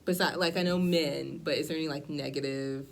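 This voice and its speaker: A woman's voice: deep voice, steady tone, a little fast, gravelly, slight background noise. A woman hosting a podcast chat, asking questions and agreeing often in a supportive way. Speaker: podcast host.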